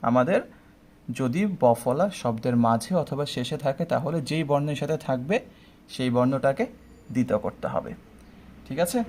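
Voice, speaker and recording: A man's voice: mid-range voice, moderate pace, pauses often, darkish tone, a little hiss or hum. A young man teaching pronunciation rules step by step, often checking in with his students. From Bangladesh. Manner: explains step by step, often asking "ঠিক আছে?". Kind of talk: online admission-test pronunciation lesson.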